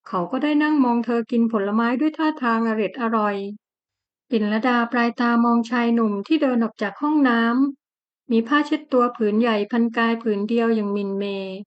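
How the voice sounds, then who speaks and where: A woman narrating a romance novel in an audiobook with an even, measured delivery. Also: on the high side, dull audio.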